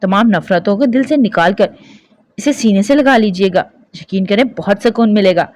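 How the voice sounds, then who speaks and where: A woman voicing a heartbroken young woman who speaks softly and sorrowfully. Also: mid-range voice, moderate pace, no echo, lightly acted. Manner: soft, sorrowful.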